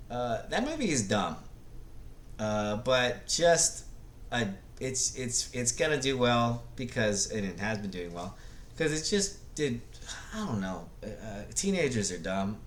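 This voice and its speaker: On his movie review vlog, a middle-aged host rambles through casual opinions in a sing-song, medium-pitched voice. He's blunt and profane, halting often with false starts before starting over, and there's a little background noise.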